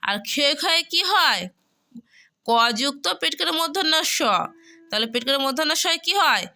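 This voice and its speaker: A woman with a high, bright voice leads a lesson for young children. She breaks each word into its letters one at a time, slowly and patiently. She keeps stopping to check that the children understand. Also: animated. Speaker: primary school teacher. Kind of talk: spelling and vocabulary lesson for children.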